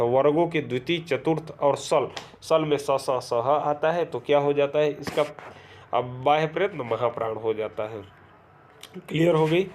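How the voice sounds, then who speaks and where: A man teaching an exam-prep grammar lesson. He reads rules aloud, lists letters one by one and keeps asking whether it is clear. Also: on the high side, a little hiss or hum. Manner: explains step by step, often checks "clear?".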